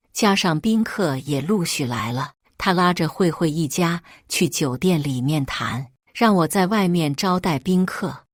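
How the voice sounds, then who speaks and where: Woman, story narrator, dramatic reading, lowish voice, lively intonation. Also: no room sound, clean studio sound.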